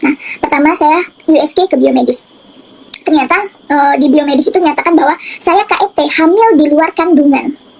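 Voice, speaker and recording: A woman speaks quickly in a high register, her voice carrying a gravelly edge. She tells her faith story earnestly, pausing on fillers and restarting her sentences. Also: a little mellow, rough recording. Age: adult. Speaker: testimony giver. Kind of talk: personal faith testimony.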